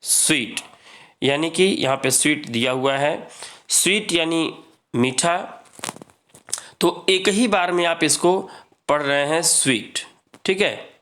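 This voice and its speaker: A man teaching English grammar in a lesson, reading rules slowly and explaining them with many repetitions. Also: fairly high pitch, a bit bright. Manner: reads English rules slowly, then explains, repeating "ठीक है".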